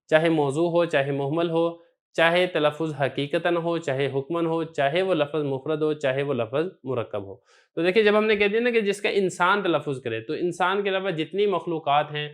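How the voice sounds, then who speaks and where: A man teaching a recorded lesson, explaining step by step and answering the questions he poses himself. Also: fairly high pitch. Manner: methodical, poses questions then answers them. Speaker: teacher of Arabic grammar.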